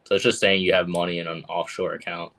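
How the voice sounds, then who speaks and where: A man's voice: low voice, level tone, quick pace, fairly bright tone. A man talking casually as a guest on a livestream, filling his speech with "like". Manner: loose, heavy use of "like".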